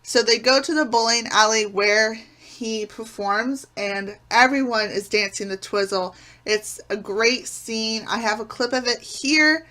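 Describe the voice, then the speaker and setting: Bright, high-voiced woman hosting a YouTube countdown. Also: a little slow, few pauses. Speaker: YouTube host. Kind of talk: scripted countdown review to camera.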